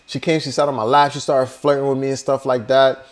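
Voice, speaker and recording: A man's voice: mid-range voice, little pitch movement, a little fast. Young man, casual vlog storyteller, easygoing conversational delivery. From Liberia. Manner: laid-back and conversational, heavy on "you know" and "like". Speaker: vlogger.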